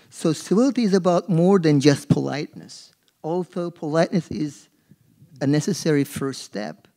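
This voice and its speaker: A middle-aged man from Turkey, speaking with a Turkish accent, serves as a marketing professor on a forum panel and hesitates constantly with fillers and restarts. His voice leans high, creaky and dark in tone. He uses a gooseneck podium mic on a stage in a dark auditorium.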